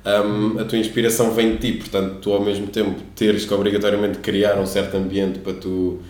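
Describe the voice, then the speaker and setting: Low-voiced young man, echoey. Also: little pitch movement, brisk, darkish tone. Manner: slangy, full of filler words. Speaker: interviewer. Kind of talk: casual chat.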